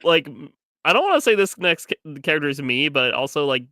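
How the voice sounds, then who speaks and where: Bright, lively playful streamer guest. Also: mid-range voice, a little fast, no room sound, studio quality. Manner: playful, laughs easily. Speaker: guest co-host. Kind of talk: casual chat, ranking characters.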